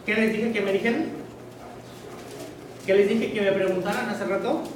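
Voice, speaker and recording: A man's voice: high-pitched, normal speed, distant mic, crowd noise. A man preaching a sermon as pastor, emphatic and urging listeners to pay attention. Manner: emphatic, keeps telling listeners to listen closely. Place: church. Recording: very echoey church hall from afar.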